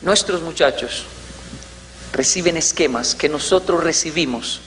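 A man's voice: fairly high pitch, unhurried, a bit bright, in a large hall, slight background noise, low-quality recording. A man giving a lecture, telling stories and acting out family scenes. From Colombia. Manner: storytelling, acts out family scenes. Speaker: motivational speaker. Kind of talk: lecture to an audience.

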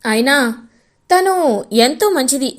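A woman's voice: sits high, animated, slow pace. A woman voicing a young man who keeps pleading his love with playful persistence, in a retold serial story.

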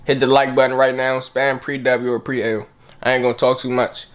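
A man's voice: medium pitch, level tone, moderate pace, clear, resonant tone. A young man hosting a prank vlog, talking in a slangy, laid-back, teasing way. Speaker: prankster vlogger. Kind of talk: casual vlog talk. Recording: noisy car interior.

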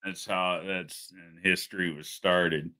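A man's voice: sits low, little pitch movement, slow pace, sharp tone. A man hosting a casual live chat, talking loosely and swearing, with frequent "you know" and chat readings. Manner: profane, laughing, lots of "you know". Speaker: host of a car show live stream, reading chat.

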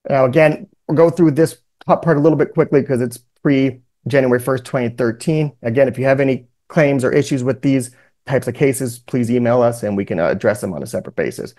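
Male webinar presenter, medium pitch, explanatory legal lecture with informal asides, video-call mic. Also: fairly quick, darkish tone. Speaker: presenter, workers' compensation lawyer.

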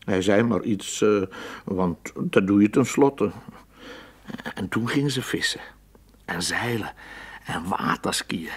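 A man narrating children's stories in a calm, gently amused way. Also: fairly low pitch, takes it slowly, long pauses, slightly rough. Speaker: storyteller. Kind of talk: storybook narration.

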